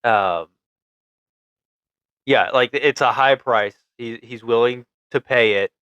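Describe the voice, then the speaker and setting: Man, podcast co-host, rambling and eager, smooth resonant tone, dry close mic. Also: mid-range voice, takes it slowly, fairly bright tone, dry recording, muffled recording. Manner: enthusiastic, rambling, laughs easily. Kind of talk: casual movie review chat.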